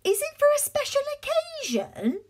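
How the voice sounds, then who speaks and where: A woman's voice: very high voice, huge pitch swings, moderate pace, pitched above the performer's own voice, exaggerated voice. A woman reading aloud and voicing a fussy, eager-to-please male shop assistant in a storybook. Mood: inquiring. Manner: fussy and attentive, like a salesman.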